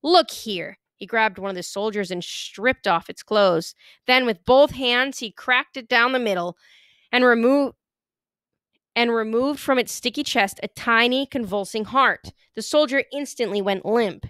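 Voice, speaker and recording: A woman reading a first-person novel aloud in an even, measured storytelling manner. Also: a little high, clean tone, no room sound, clean studio sound. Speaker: audiobook reader.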